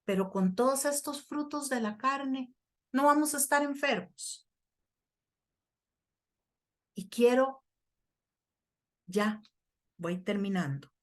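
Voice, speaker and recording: Woman, sermon, unhurried delivery, earnest, reads scripture aloud. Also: high voice, lively intonation. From Costa Rica. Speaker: prayer workshop teacher.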